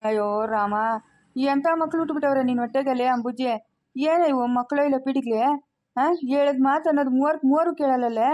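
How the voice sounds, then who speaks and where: A woman's voice: high-pitched, quick pace, a little mellow, dull audio, natural voice. A woman playing a scolding, exasperated elderly village mother, speaking in a comedy skit.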